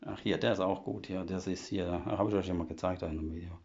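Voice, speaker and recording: Gravelly low-voiced man giving a home tour. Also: steady tone, quick pace, darkish tone, dull audio. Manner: chatty, explains things step by step with many fillers. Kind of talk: casual walkthrough chat. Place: old half-timbered house, indoors. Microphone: phone camera held while walking.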